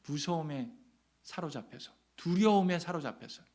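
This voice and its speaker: High-voiced man preaching dramatically. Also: lively intonation, normal speed. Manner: dramatic storytelling, rhetorical questions, swings from loud to hushed. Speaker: pastor. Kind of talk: revival sermon. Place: church sanctuary.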